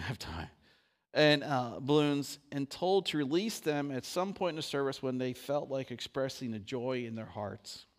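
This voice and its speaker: A man preaching as pastor to a congregation, teaching a sung verse and leading prayer. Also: fairly high pitch. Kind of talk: sermon.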